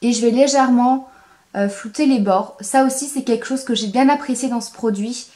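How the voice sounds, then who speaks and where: A young woman with a slightly high voice walks viewers through her eye makeup step by step. She gets enthusiastic, repeats words for emphasis, and fills pauses with hesitations as she works. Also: warm tone. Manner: frequent hesitations with "euh". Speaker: beauty vlogger. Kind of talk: makeup tutorial.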